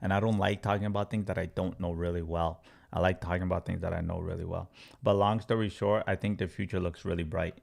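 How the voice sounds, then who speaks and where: Man from congo, very deep voice, gravelly, live-stream trading teacher, repeats himself for emphasis. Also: steady tone, fast, a little mellow. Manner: repetitive, emphatic, walks through a chart step by step. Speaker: crypto trading educator. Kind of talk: live-stream Q&A, answering chat.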